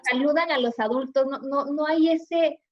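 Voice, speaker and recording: Effusive high-voiced woman host. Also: normal speed. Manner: warm, effusive. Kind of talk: radio show hosting. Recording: dull lo-fi sound.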